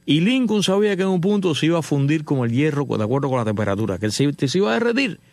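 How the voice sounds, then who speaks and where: Middle-aged man from Cuba, hosts a talk show, gravelly voice, tells stories with animation in a dry, close sound. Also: fairly high pitch, rapid-fire, dry recording. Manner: animated storyteller, acts out dialogue. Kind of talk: casual storytelling monologue.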